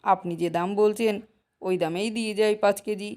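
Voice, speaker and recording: A woman's voice: medium pitch, steady tone, a little fast, a little mellow, smooth, lightly acted. A woman voicing a poor village mango seller who pleads and bargains to sell her fruit. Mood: resigned. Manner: pleading, persuasive sales talk. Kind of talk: Bengali cartoon voice acting.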